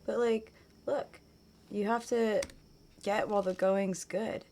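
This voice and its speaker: A woman chatting casually while she plays a game, rambling on and trailing off into quiet mutters as she focuses. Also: medium pitch, fairly even intonation, slow pace, background noise. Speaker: game streamer.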